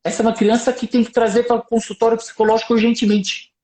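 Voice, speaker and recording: Brazilian man, doctor on a live stream, quick lively explaining, echoey room. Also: very high voice. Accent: Brazilian Portuguese. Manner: lively explaining, tells anecdotes, asks "percebe?". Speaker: doctor giving parenting advice.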